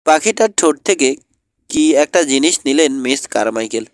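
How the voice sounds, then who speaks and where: A man narrating an audiobook in a steady storytelling manner. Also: fairly high pitch, normal speed, dry recording, clean studio sound. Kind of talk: scripted narration.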